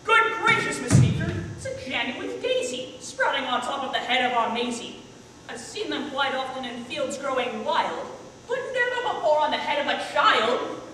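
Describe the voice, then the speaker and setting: A woman's voice: sits high, big pitch swings, background noise. A woman playing a flustered school principal. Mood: puzzled. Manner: brisk, rhyming, declamatory. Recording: echoey hall from far off.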